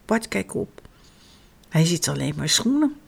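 A woman reading a children's story aloud in a slow, expressive way. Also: on the low side, gravelly, slightly rough.

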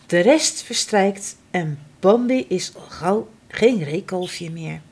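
Slow, expressive woman storyteller. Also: on the low side, husky. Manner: expressive, slow, dramatic reading. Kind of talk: reading a children's storybook aloud.

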